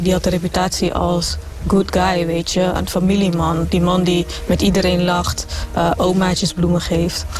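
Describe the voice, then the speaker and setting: Woman, anonymous interviewee, deep pitch-shifted disguise, monotone, music bed. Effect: voice disguised, pitch-shifted deeper. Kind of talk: televised interview testimony.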